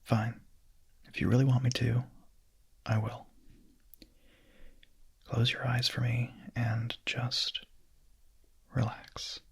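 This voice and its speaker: A heavily acted young vampire, voiced by a man in a medium-pitched, monotone whisper that's breathy and husky. The intimate ASMR roleplay feels soothing yet nervous, his halting, soft delivery balancing hunger with hesitant tenderness.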